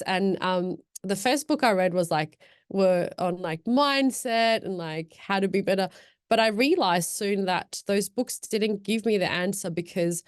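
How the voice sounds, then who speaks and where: The close, dry recording captures a mid-range voice belonging to a reflective young podcast guest. Afghan in origin, born in Pakistan and raised in Australia, she chats casually and thoughtfully, rambling along with frequent fillers and restarts.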